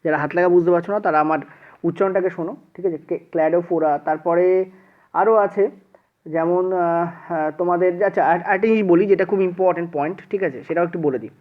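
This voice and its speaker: A man's voice: sits high, fairly even intonation, fast. A man with a Bengali accent teaching an exam-prep science lesson, checking in with students again and again and mixing in English words. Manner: repeats "ঠিক আছে" often, mixes English words in. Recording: tinny phone-like sound.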